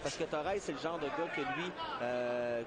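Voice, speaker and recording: A man's voice: mid-range voice, a little slow, heavy background noise. A man with a Quebec French accent giving colloquial, explanatory boxing analysis as live commentary. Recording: very loud arena crowd behind. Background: arena crowd.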